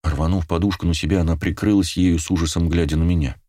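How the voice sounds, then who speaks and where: A man narrating a first-person audiobook in a measured, unhurried way on a close studio mic. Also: low voice, steady tone, warm tone, dry recording.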